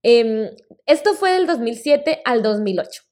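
This podcast host's voice sits on the high side, expressive and a little mellow, moving at a measured pace. A Colombian woman in her thirties, she narrates her own story alone on her show, chatty and personal, with fillers like "pues" and "eh".

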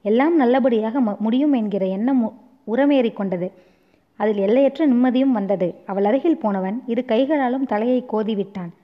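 A woman reading a novel aloud as narrator, in a measured, expressive storytelling manner. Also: on the high side. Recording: dull lo-fi recording.

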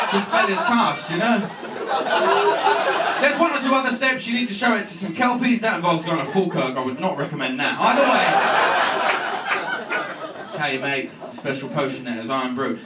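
A young man doing a stand-up comedy set, telling a story with lively delivery and plenty of swearing. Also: on the high side, very noisy. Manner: animated storytelling, swears freely, acts out voices. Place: comedy venue with a laughing audience. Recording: roomy live stage recording from a distance.

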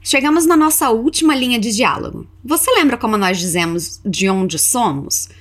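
A woman teaching English to Portuguese speakers, switching between quick explanation and slow, drawn-out model phrases to repeat. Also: a little high.

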